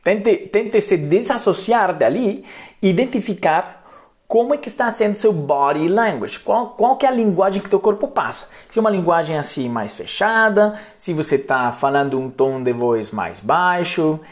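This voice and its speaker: A man's voice: high-pitched, animated, moderate pace. A man, giving a chatty, playful live English lesson as a coach. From Colombia. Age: 30s. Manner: playful, chatty, peppers talk with tag questions. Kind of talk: live-streamed language lesson.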